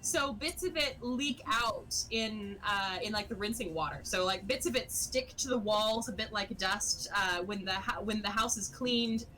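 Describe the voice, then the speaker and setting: A woman's voice: mid-range voice, moderate pace, few pauses, bright, forceful tone, low-quality recording. A woman narrating as game master of a tabletop game, rambling and hesitant, with many fillers.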